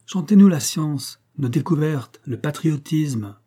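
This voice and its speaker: A man's voice: fairly high pitch, fairly even intonation, a little slow, warm tone, voice pushed up. A man voicing a blunt, condescending country doctor who speaks brusquely and declaims.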